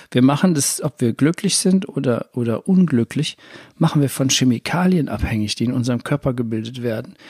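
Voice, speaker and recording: A man talks through a spiritual self-help podcast in a loose, rambling way, often restarting his sentences. His voice is gravelly and husky at a middle pitch. The sound is dry and close to the mic. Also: a little mellow, dry recording. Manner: rambling, self-correcting, conversational. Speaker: podcast host.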